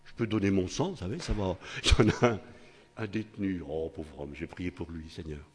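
An older man preaching a sermon with a husky voice, in a chatty style that keeps tossing tag questions to his listeners and restarting phrases. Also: deep voice, brisk. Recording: long hall reverb.

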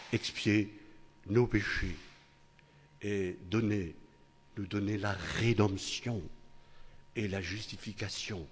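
An older man preaching a sermon with a husky voice, in a chatty style that keeps tossing tag questions to his listeners and restarting phrases. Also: on the low side, slight background noise. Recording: long hall reverb.

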